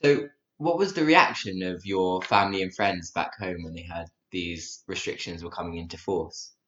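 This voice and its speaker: A man's voice: low-pitched, moderate pace, a bit bright. Male radio interviewer, roomy sound. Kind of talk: prepared news interview questions. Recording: echoey, slightly dull audio.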